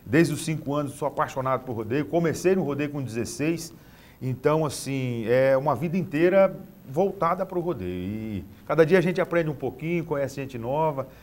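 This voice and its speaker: A man's voice: a little high, lively intonation, moderate pace, a little mellow. A middle-aged Brazilian man speaking casually as an interview guest, often repeating small words as he looks for the next phrase. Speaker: rodeo announcer being interviewed. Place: TV studio, standing.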